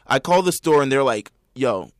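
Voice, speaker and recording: A young man, telling a story as a profane, animated rant in casual chat. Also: mid-range voice, moderate pace, no room sound, studio quality. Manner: swears a lot, animated storytelling.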